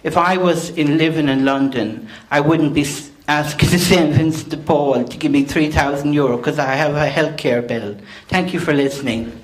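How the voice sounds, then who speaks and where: Higher-pitched Irish man speaking out indignantly. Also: steady tone, normal speed, hardly any pauses, poor audio. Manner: indignant, emphatic. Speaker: audience contributor at a public meeting. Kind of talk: impassioned public comment, unscripted.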